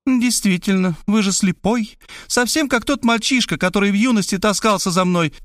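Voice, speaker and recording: A man's voice: high-pitched, moderate pace, fairly bright tone, no room sound, clean studio sound, pitched above the performer's own voice. A man reading an audiobook, voicing a brash, bossy grown woman who scolds and commands impatiently. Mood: mocking, reproachful. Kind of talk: audiobook character voice.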